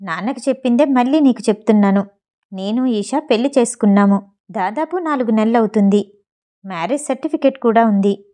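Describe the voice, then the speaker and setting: A woman's voice: a little high, brisk, dark tone, natural voice. A woman reading a firm, impatient young son.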